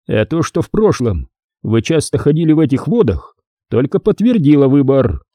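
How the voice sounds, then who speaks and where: A man's voice: on the high side, sing-song, normal speed, warm tone, no echo, pitched above the performer's own voice. Man reading as a stern blunt general. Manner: blunt, commanding orders.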